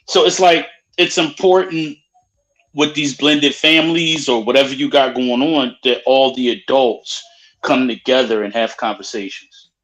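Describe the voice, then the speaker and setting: A man's voice: mid-range voice, a little slow, a bit bright, poor audio. Man with a blunt, profane casual manner. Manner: blunt, profane, reading viewer comments aloud. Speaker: co-host. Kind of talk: casual live-stream chat.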